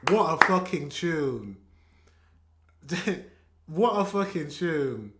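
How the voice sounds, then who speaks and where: A man from England with a British accent, reacting to a song in a casual, excitable way and swearing and laughing often. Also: on the high side, extremely slow, roomy sound. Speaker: reaction video host. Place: room at home with a shelf behind him.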